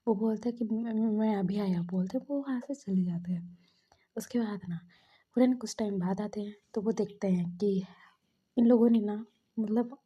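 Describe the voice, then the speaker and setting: A woman casually retelling a fan fiction story in a soft, mostly whispered voice, now and then voicing the characters' quoted lines. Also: medium pitch, slightly rough.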